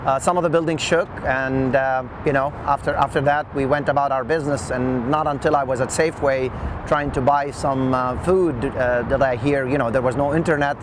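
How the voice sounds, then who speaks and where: A middle-aged Lebanese engineer, speaking in a mid-range voice with fairly even intonation, recalls his work in an unscripted oral history interview. He speaks haltingly, with frequent long hesitations, while loud outdoor traffic noise fills the recording.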